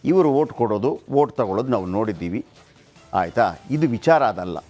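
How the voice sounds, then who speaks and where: A man with a Kannada accent presenting the news in an animated, emphatic and sarcastic way. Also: on the low side, fairly quick, soft background music. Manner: emphatic, sarcastic, mimics officials. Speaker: news anchor.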